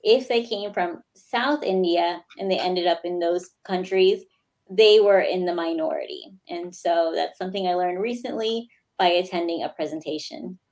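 A woman in her thirties with an American accent, speaking as a guest over a video call in a plain, steady way. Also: fairly low pitch, moderate pace, poor audio. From United States. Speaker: guest, lawyer. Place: small indoor room. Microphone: video call webcam.

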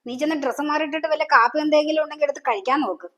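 A woman's voice: sits high, very fast, a bit bright. Woman playing a cold scheming mother. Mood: defensive. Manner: curt, dismissive, scolding. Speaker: actor. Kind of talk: family drama acting. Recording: dull lo-fi sound.

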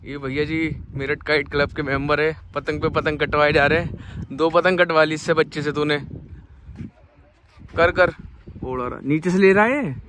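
A young man vlogging casually outdoors in an open field, calling out excitedly and laughing as he talks to people around him. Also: on the high side, normal speed, slight background noise. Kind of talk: casual outdoor vlog commentary.

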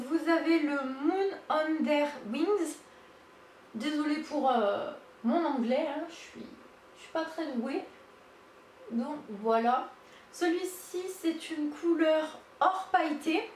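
A woman giving a casual makeup swatch demo, halting with many fillers and gushing over the colors. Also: high-pitched, a little mellow. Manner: hesitant, lots of fillers, gushing. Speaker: beauty vlogger. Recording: echoey room, mic at a distance, faint hiss.

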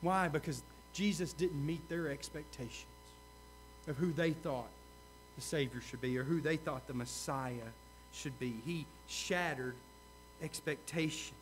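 A male pastor preaching a sermon, earnest, repeating key questions and swinging from loud to hushed. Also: on the high side, unhurried, slight background noise.

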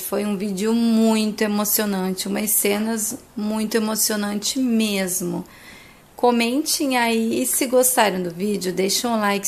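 Gravelly woman retelling a soap scene. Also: medium pitch. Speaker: YouTuber recapping a soap opera. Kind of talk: emotional storytelling recap.

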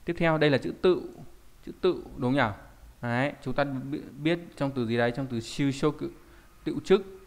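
A man teaches Japanese online in a plain, middle-pitched voice at normal speed. He goes through things step by step, regularly checking in with rhetorical questions.

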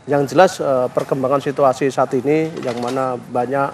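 A man's voice: mid-range voice, fairly even intonation, moderate pace, darkish tone, slight background noise. A man who is a police officer, giving a formal interview answer in official phrasing with hesitant fillers.

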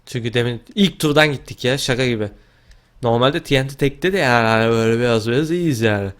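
A young man casually commentating his own Minecraft gameplay, talking to himself and yelping and shouting as the action heats up. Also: medium pitch, quick pace. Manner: excitable, talks to himself, yelps and shouts mid-game. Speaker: gaming video host.

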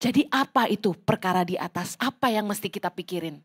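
A woman pastor preaching a lively church sermon in a casual, teasing way. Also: mid-range voice, fairly quick, breathy edge. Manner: lively, mocks petty prayers in put-on voices. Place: church service, livestreamed.

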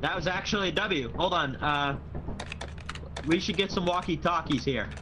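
A man with a fairly high voice chats through a co-op game session, calling out dangers in quick excited bursts and swearing freely. The mic picks up a steady hiss of background noise. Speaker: gamer. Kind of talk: casual co-op game chat.

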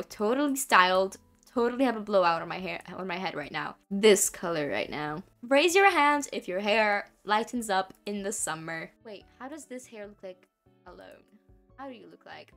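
A woman's voice: medium pitch, a bit bright. A woman giving casual gameplay commentary in a playful, mock-earnest, chatty way, speaking into a desk mic at home. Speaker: gaming video creator.

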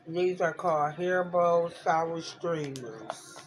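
Middle aged mom eating sour candy and chatting, clear background noise, home camera mic. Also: female voice, on the low side, slow. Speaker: mother joining a sour candy challenge. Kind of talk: casual chat while tasting candy. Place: indoor room at home, seated at a table. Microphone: camera on the table, no separate microphone. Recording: noisy home phone or camera recording.

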